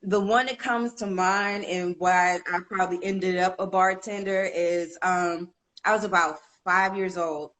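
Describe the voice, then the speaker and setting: A woman's voice: lowish voice, steady tone, measured pace, a bit bright. Wry middle-aged woman telling funny stories. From Washington, D.C., United States. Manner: candid, salty, wry. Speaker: podcast guest. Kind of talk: casual humorous storytelling.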